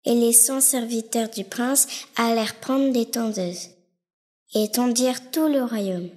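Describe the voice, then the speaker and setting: A woman narrating a children's story with slow, careful reading. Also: on the high side, a little mellow. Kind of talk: storybook narration over music. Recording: music playing behind.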